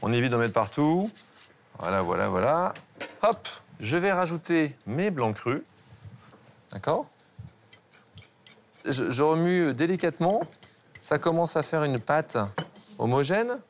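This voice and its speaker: A man, a pastry chef, teaching a cooking class and walking viewers through each step in a brisk, instructive way. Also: a little high, very animated, a little hiss or hum. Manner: instructive, brisk, addresses viewers with "regardez" and "hein". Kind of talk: cooking demonstration.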